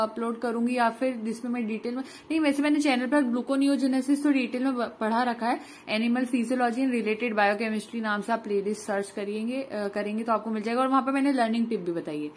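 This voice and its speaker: Indian woman tutor, fairly high voice, explains step by step, faint hiss behind. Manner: explanatory, asks and answers own questions, reads English notes slowly. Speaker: online exam-prep tutor. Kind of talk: Hindi-English revision lecture.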